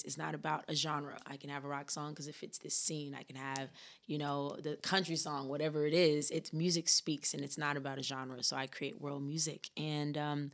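A woman musician answering an interview question about her music, in an earnest, measured way. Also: deep voice, fairly bright tone. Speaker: musician guest.

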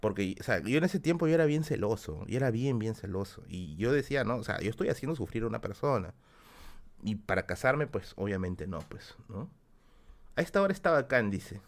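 A man's voice: lowish voice, very animated, brisk. Peruvian man in his twenties or thirties, livestream host, talkative and self-mocking, voice leaps up and down a lot. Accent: Peruvian Spanish. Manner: chatty and self-deprecating, reads out donations and comments. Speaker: streamer. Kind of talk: casual late-night livestream chat.

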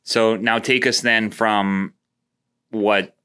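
A Canadian-accented man hosts a casual podcast interview, his voice very low yet bright and forceful. He asks loose, friendly questions full of fillers and restarts. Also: fairly even intonation, slow pace, clean tone. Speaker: podcast host.

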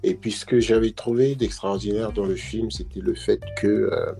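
A man interviewing a guest in a relaxed conversation, hesitant and full of fillers. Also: lowish voice, normal speed, gravelly, faint music behind.

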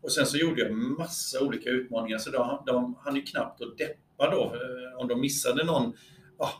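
A man's voice: mid-range voice, slight background noise. A man who coaches youth tennis, talking in a hesitant, filler-heavy way during a casual conversation. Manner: hesitant, many fillers and restarts. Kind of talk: conversational podcast talk. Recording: roomy echo.

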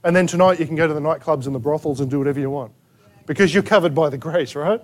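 An Australian man preaching a sermon to his congregation, emphatic and full of rhetorical questions and sharp asides. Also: on the high side, quick pace. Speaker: pastor. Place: church gathering in a rented hall.

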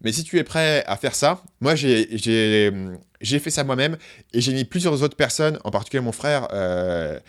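A man's voice: mid-range voice, expressive, moderate pace. Hesitant man, casual chat. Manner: hesitant, repeats words, many fillers. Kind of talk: casual conversation.

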